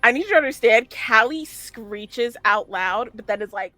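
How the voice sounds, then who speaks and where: A woman player in a casual tabletop game, talking in an animated, excitable way. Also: a little high, moderate pace, dry recording, soft background music. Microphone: headphones with mic.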